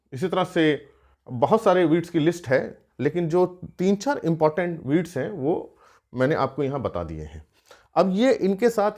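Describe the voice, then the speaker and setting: Guy teaching a class, kinda high voice, explains stuff step by step, lots of uh's. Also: a little mellow. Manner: explanatory, with frequent "uh" fillers and rhetorical questions. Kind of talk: exam-prep lecture.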